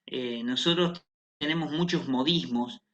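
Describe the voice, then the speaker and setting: A man's voice: mid-range voice, measured pace. Man, Rioplatense accent, panelist, reflective, fillers, muffled audio. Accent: Rioplatense Spanish. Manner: reflective, with frequent fillers like "este". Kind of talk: panel discussion.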